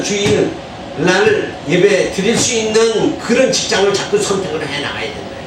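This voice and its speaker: A man's voice: high voice, background noise. A middle-aged man, a pastor, lecturing on the Bible in a conversational way and often posing rhetorical questions to the class. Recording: echoey room, far from the mic.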